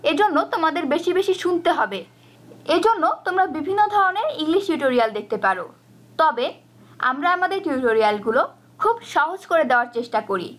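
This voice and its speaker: A woman teaching an online language lesson, slowly reading short phrases and repeating each one twice. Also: high voice, a bit bright. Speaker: English teacher.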